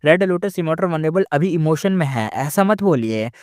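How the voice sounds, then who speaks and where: Anxious male court immortals plead and try to calm their angry lord, as a storyteller puts them on. Their tone is placating, and the voice sits fairly high for a man. The sound is dry and close. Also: moderate pace, no echo, close to an everyday voice.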